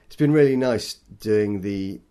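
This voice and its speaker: A man, a poet, talking thoughtfully and self-deprecatingly in an interview, in a halting way. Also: fairly low pitch, warm tone, clear, resonant tone. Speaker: poet guest. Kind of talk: interview conversation.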